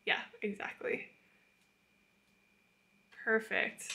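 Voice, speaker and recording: A woman's voice: extremely slow, sharp tone. A young woman hosting a how-to video, giving friendly, patient step-by-step instructions with small laughs. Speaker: channel host teaching plant tissue culture. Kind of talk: casual instructional voice-over and live coaching.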